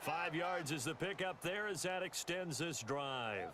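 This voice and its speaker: A man's voice: a little high, expressive, unhurried. A man acting as a football play-by-play announcer in a video game, calling the game in commentary style. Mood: measured. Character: professional male American football play-by-play announcer. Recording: loud game ambience noise.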